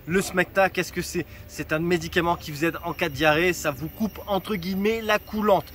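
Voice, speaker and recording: A man's voice: sits high, fairly even intonation, normal speed, a bit bright. Chatty man vlogging outdoors, street noise. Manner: chatty, direct, joking asides. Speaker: travel vlogger. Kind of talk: casual travel advice vlog.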